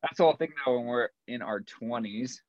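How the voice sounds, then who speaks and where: A thirty-year-old yoga teacher from Colorado chats casually and candidly as a podcast guest, laid-back in manner. His medium-pitched voice moves fairly quickly, and the recording has no room sound and cut-off highs.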